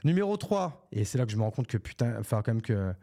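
A man's voice: on the low side, steady tone, rapid-fire, dark tone. A man hosting his own solo podcast, talking off the cuff in a casual, rambling way, full of fillers, restarts and English business slang. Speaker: podcast host. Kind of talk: solo unscripted podcast talk. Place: Bordeaux, France. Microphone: podcast microphone.

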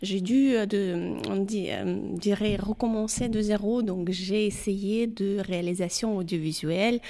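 A woman's voice: medium pitch, unhurried, mellow. A woman in her thirties from Ukraine, speaking French with a Ukrainian accent, answering interview questions hesitantly with many fillers. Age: 30s. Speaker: guest.

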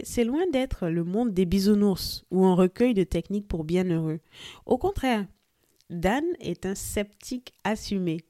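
Woman podcast host doing a book review, warm mellow voice, dry close mic, chatty and lively. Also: mid-range voice, no room sound. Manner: lively, friendly, addresses listeners directly.

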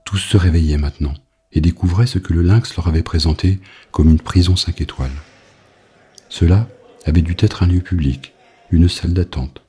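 A man reading an audiobook novel in a grave, measured narration. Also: low-pitched, dark tone, husky.

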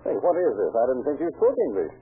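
An actor playing a wry, slangy undercover agent posing as a courier in an old crime film. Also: male voice, mid-range voice, very animated, quick pace, husky. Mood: wary, brisk. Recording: tinny, noisy old film soundtrack.

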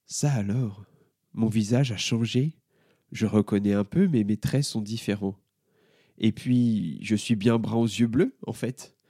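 A man's voice: lowish voice, measured pace, mellow, dry recording, clean studio sound. A man doing a lost, stammering schoolboy. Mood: puzzled. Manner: hesitant, stammering. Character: confused young schoolboy, lost and unsure. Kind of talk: storybook character voice.

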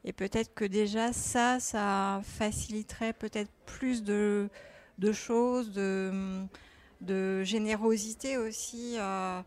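Slow-speaking tentative woman. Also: medium pitch, steady tone, darkish tone. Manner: tentative, self-doubting. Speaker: panel participant. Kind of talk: live roundtable discussion.

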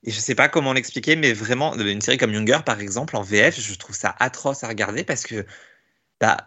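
A man hosting a podcast in casual chat, talking in an animated way with many restarts and fillers. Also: medium pitch, brisk. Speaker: podcast host.

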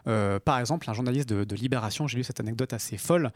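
Male co-host, explains news, hesitant with lots of fillers, mid-pitched, dry studio sound. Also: rapid-fire, no echo. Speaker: podcast co-host. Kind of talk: casual news podcast chat.

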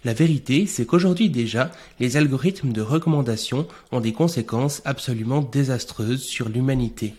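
A podcast host opens with a punchy intro, then asks loose interview questions sprinkled with fillers. His medium-pitched voice moves at a moderate pace with few pauses, a little mellow with a breathy edge.

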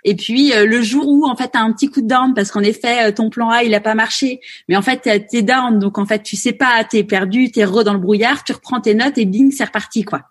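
A woman interviewing a guest in a relaxed conversation, speaking haltingly with many fillers and restarts. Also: fairly high pitch, husky.

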